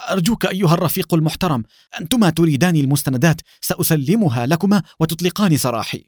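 A man voicing a frightened male Soviet officer who shouts and begs for his life. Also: medium pitch, animated, fast, dry recording, studio quality, lightly acted. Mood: begging. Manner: shouting, pleading, panicky.

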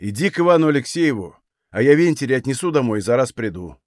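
A man voicing a firm young Cossack who speaks briskly and reproachfully. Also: mid-range voice, very animated, a little mellow, no room sound, clean studio sound, natural voice.

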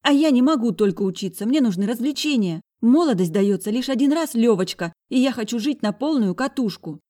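A woman voicing a defiant eighteen-year-old girl, shrill and indignant in an audiobook. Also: lively intonation, brisk, mellow. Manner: shrill, indignant, pushing back. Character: bratty defiant young woman, hot-tempered.

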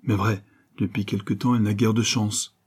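A man's voice: fairly low pitch, level tone, moderate pace, a little mellow, husky. Blunt young countrywoman, read by a man. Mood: indignant. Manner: blunt, indignant.

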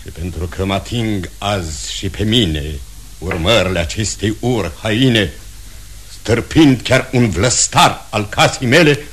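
A man's voice: fairly low pitch, a bit bright. A man playing a stern ruling prince in a radio play, passing judgement in formal, commanding speech.

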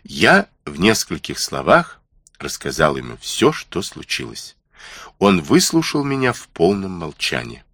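Man, audiobook narration, deep voice, husky, lively intonation, dry close sound. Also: unhurried, dry recording. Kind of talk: scripted first-person narration.

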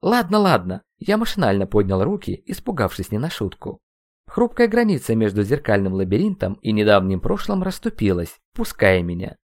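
A man narrating a first-person audiobook, expressive and ironic. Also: on the low side, a little fast, no room sound, clean studio sound.

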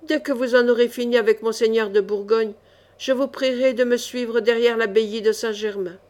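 A woman's voice: on the high side, fairly even intonation, normal speed, darkish tone, close to an everyday voice. A woman voicing a jealous, hot-tempered male baron in a storybook reading, growling and seething.

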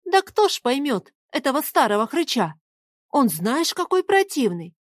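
A woman's voice: high voice, big pitch swings, moderate pace, no room sound, studio quality, pitched above the performer's own voice. A woman reading an audiobook, voicing a spirited, teasing young woman with a mocking, bossy manner.

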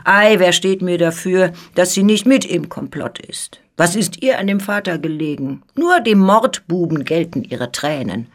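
A woman's voice: mid-range voice, lively intonation, unhurried. A woman reading the part of a stern older male police president, menacing and insinuating, in a radio reading of a story.

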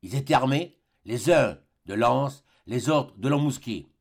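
A man reading a classic adventure novel aloud in a measured, dramatic storytelling manner. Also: mid-range voice, animated, a little mellow, husky. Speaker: audiobook narrator.

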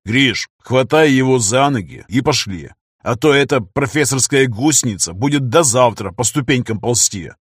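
A man's voice: medium pitch, lively intonation, moderate pace, no room sound, clean studio sound. A man voicing a grumpy male fairy-inquisitor who grumbles and gets riled easily. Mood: annoyed. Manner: gruff, grumbling.

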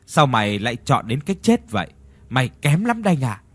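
A man's voice: medium pitch, sing-song, fairly quick. A man doing an earnest, reproachful young friend. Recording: long reverb with faint music.

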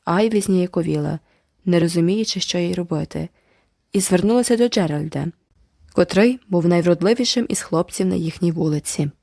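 Low-voiced woman narrating an audiobook. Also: vocal fry, mellow, dry recording, studio quality. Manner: measured storytelling. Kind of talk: scripted narration.

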